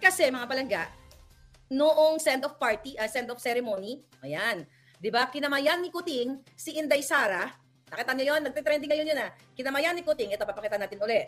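A woman's voice: high voice, animated, fairly quick, soft background music. A woman hosting a gossipy political commentary vlog, chatty and mocking, using teasing nicknames and laughing often. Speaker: vlog host.

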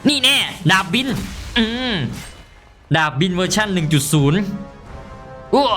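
Excitable young Thai man, lively and bright. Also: sits high, unhurried, faint music behind. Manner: loud, excitable, swearing, shouting at the game. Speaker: mobile game streamer. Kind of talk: casual gameplay commentary.

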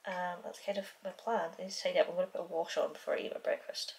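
A woman's voice: lowish voice, steady tone, very fast, vocal fry, darkish tone, a little hiss or hum. A woman in her thirties with a British accent, chatting casually to a handheld camera at home. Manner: chatty and rambling, scolding her dog playfully. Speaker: vlogger. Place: home kitchen and living room. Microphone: handheld camera at arm's length.

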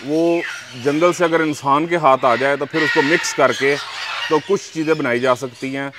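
A Pakistani parrot breeder answers interview questions calmly, explaining at length with examples. His voice is a little high at a moderate pace, with background noise present.

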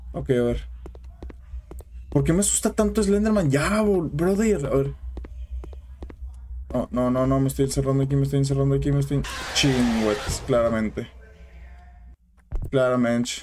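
A man's voice: medium pitch, steady tone, normal speed, long pauses, darkish tone, slight background noise. A young man with a Mexican accent giving casual commentary on a horror game, jumpy, yelping and swearing at scares, chatting with his viewers. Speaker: gaming channel host.

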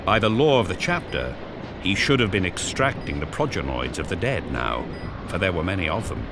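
This audio drama narrator is a man with a low-pitched voice that rises and falls dramatically, speaking at a moderate pace. His style is intense, solemn and theatrical, set against loud music and battle sound effects.

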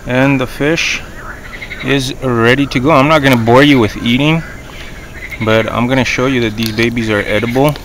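Working over a campfire by the river, a thirtysomething outdoor vlogger cooks fish and casually narrates, chatting with his viewers in an easygoing way. His voice is medium-pitched and a bit bright, with fairly even intonation at a moderate pace. The camera audio is noisy with outdoor ambience and frogs.

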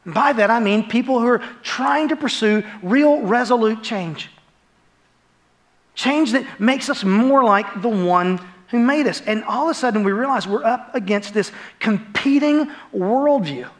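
A pastor, an American man in his forties, gives a sermon on stage in a large, dark church auditorium with an extremely high pitch and an unhurried delivery. He's conversational and emphatic, frequently following his points with short questions.

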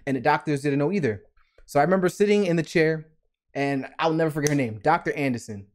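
A young man telling a personal story to camera in a casual, animated way, acting out the scenes and filling his speech with fillers. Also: a little high, fast talker. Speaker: vlogger.

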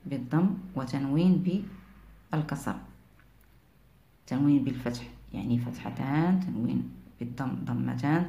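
A woman teaching beginners to read, speaking slowly and clearly and repeating each sound twice. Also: deep voice, lo-fi sound. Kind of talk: reading and writing lesson for beginners. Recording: echoey room.

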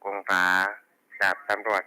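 A man's voice: a little slow, bright, forceful tone, low-quality recording. A man working as a police radio dispatcher, reading back station reports and call signs in formulaic procedure over a walkie talkie. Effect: two-way radio.

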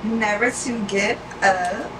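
A young woman in a small wooden cabin, gushing excitedly while reading little notes aloud. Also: medium pitch, slow pace. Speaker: girlfriend receiving a promise ring. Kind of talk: casual vlog chat. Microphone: camera mic from across the room. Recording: distant, noisy cabin recording.

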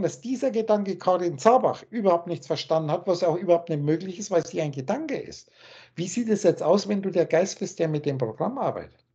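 A spiritual teacher lectures over a video call in a husky, darkish, mellow voice, scolding and preachy and often blunt to the point of crudeness. The call audio is dull and lo-fi, with its highs rolled off.

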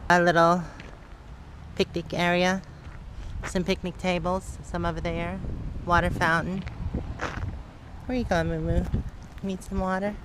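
A vlogger narrates a road trip in a relaxed, chatty way, filming first inside a car and then outdoors on a hilltop. The voice is mid-range and unhurried, pausing often and full of fillers. Loud car and road noise runs through the recording.

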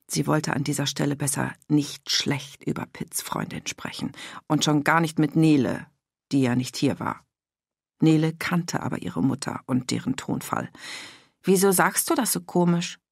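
A woman narrating an audiobook in a calm, even storytelling manner. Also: low voice, moderate pace, creaky, slightly rough, no echo, studio quality. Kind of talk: scripted narration.

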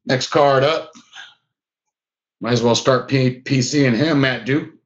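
A man hosts a live card-opening stream in a relaxed, chatty way and talks to his viewers by name as he goes. His voice sits at a middle pitch, and the recording sounds a little dull and lo-fi. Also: measured pace. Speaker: card break host. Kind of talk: casual live-stream card break commentary.

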